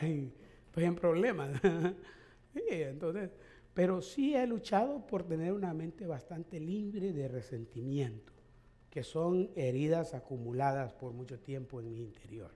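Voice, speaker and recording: Hombre predicando con preguntas retóricas. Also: male voice, a little high, lively intonation, moderate pace, warm tone. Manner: conversational preaching with rhetorical questions and chuckles. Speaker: pastor. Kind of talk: sermon.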